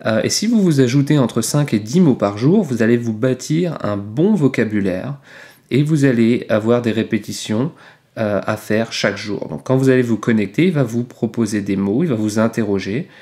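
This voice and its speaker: A man's voice: medium pitch, animated, moderate pace, dark tone. A man teaching French in a casual video lesson, explaining patiently with frequent hesitations. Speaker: French teacher, channel host. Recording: roomy echo.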